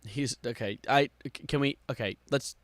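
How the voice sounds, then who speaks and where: A man doing live stream reaction commentary with exasperated, sarcastic complaining, moving between muttering and louder outbursts. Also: medium pitch, normal speed, dry recording.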